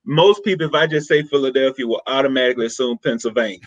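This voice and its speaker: A man from Mississippi with a Southern accent, a guest on a podcast who talks about his work in an animated, chatty way with many "you know"s. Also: medium pitch, quick pace, no echo, dull audio. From Mississippi, USA. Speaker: podcast guest, social worker. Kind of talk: casual podcast conversation.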